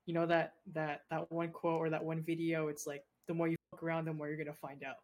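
A man's voice: a little high, completely flat delivery, quick pace. A young adult man co-hosting a casual podcast, talking in a laid-back, easygoing way with casual slang. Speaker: podcast co-host. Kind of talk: casual chat.

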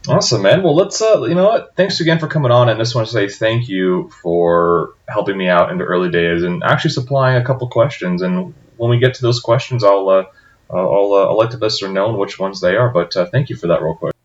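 A man's voice: fairly low pitch, brisk. A man hosting a podcast, talking in a friendly, loose way with many uhs and restarts. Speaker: podcast host. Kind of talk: casual interview hosting. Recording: dull lo-fi audio.

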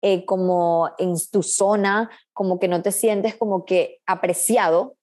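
A woman's voice: medium pitch, fairly even intonation, measured pace, darkish tone. Earnest woman coach in an interview. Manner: earnest, reflective, many restarts. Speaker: coach, podcast guest. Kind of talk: casual interview talk.

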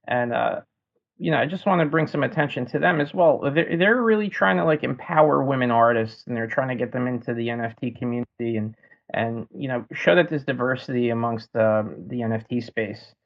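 A man hosting a casual interview, relaxed and rambling with frequent "um" and restarts. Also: mid-range voice, fairly quick, creaky, lo-fi sound. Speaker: podcast host.

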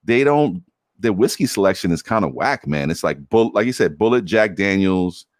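A man's voice: sits low, expressive, normal speed, dry recording, studio quality. A man in casual chat, laid-back and rambling, swearing casually.

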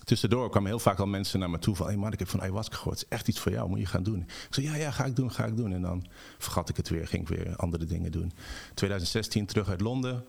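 A man from the Netherlands, a shaman guest, telling his story at length in a relaxed way and mixing English words into his talk. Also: low-pitched, fast talker, gravelly, few pauses, breathy edge. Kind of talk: storytelling in a podcast interview.

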